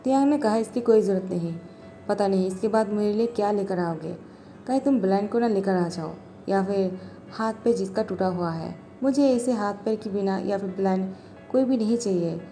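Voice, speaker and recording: A woman's voice: mid-range voice, moderate pace, dark tone, faint music behind. A woman narrating a fan story and voicing every character herself with little change.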